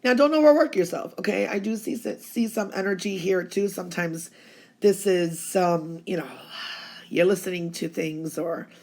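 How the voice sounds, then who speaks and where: A psychic reader hoarse from laryngitis delivers a tarot-style weekly reading, chatty and reassuring, saying "okay" again and again. Her voice is lowish and a little mellow, at a normal speed.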